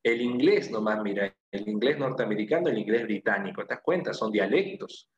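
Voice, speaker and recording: A man with a Peruvian accent gives a classroom lecture, explaining patiently step by step and repeating his key points. His voice sits fairly low. The recording sounds roomy and a little dull. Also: expressive, brisk. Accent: Peruvian Spanish. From Peru. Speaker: language teacher.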